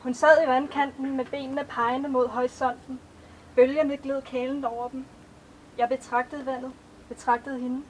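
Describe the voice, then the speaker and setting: A woman reading her own poems aloud at a live event, in a slow, measured recital. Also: sits high, flat delivery, a little hiss or hum, low-quality recording. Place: outdoor festival stage.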